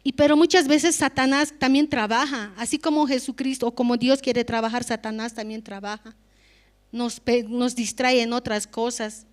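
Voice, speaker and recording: A woman's voice: a little high, fairly even intonation, moderate pace. A woman with a Bolivian Spanish accent giving an earnest, conversational testimony in church, often adding tag questions. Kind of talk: spontaneous spoken testimony in church.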